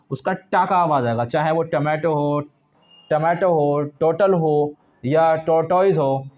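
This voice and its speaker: Young male tutor from India, slightly higher voice, repetitive question-and-answer classroom delivery. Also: a little mellow. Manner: asks and answers his own questions, repeats key points. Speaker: English teacher. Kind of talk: classroom-style explanation.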